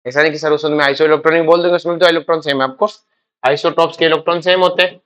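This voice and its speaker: Bright-voiced teacher quizzing students. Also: male voice, a little high, steady tone, rapid-fire. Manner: quizzing students with repeated questions; calls students "beta". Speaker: chemistry teacher. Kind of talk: classroom lecture.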